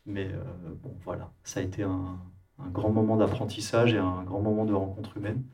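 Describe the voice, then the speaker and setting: A man from France, a musician and producer, talking in a relaxed interview with many hesitations and restarts. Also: low-pitched, moderate pace, distant mic, a little hiss or hum.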